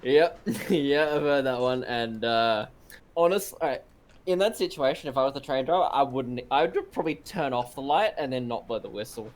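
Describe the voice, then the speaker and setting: A man's voice: medium pitch, normal speed, a little hiss or hum. A young man in casual gameplay chat, joking and blunt, rambling through his opinions.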